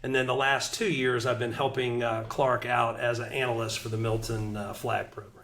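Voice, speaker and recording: A man in his fifties from Atlanta, a football analyst and former college player, telling his story in a relaxed, humorous way on a podcast. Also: mid-range voice, normal speed, a little hiss or hum. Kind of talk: podcast interview, casual storytelling.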